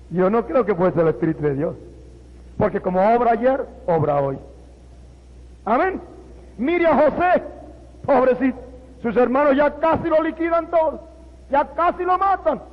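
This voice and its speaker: A man's voice: extremely high pitch, animated, a little slow, long pauses. A man, firing off rhetorical questions and amens. The sound is dull and muffled, carried on a long hall reverb. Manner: emphatic, rhetorical questions, repeated amen. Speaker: preacher. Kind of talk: sermon.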